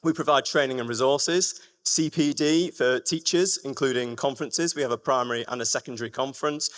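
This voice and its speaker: A man from Lancashire, England, a music education manager, gives a public presentation to a live audience, addressing the room directly with emphatic phrasing. His voice is medium-pitched, fairly quick, and a bit bright. He speaks in a large, reverberant room at a live event, and the hall echoes with long reverb.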